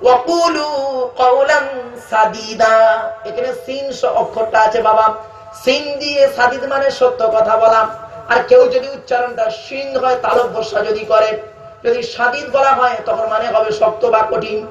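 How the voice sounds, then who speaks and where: A man with a West Bengal Bengali accent preaching a waz sermon, calling listeners "baba" and chanting verses slowly. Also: very high voice, fairly even intonation, faint music behind. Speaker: preacher at a religious gathering. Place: outdoor religious gathering on loudspeakers. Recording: echoey, distant, dull public address sound.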